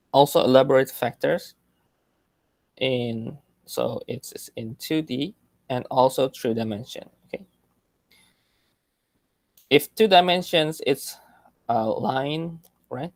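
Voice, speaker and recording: Creaky-voiced man teaching an online class. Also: medium pitch, slow, long pauses, dry recording. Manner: hesitant, checks in with listeners often. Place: video call.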